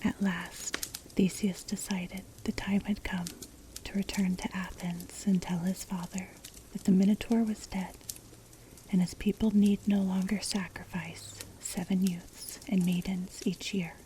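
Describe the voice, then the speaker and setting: A woman reads a storybook tale entirely in a soft, breathy ASMR whisper. Her delivery is measured and gentle, with very little rise and fall. She is close to the microphone, with a crackling, clicking fire noise clearly behind her. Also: mid-range voice, level tone. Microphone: close mic, ear-to-ear ASMR.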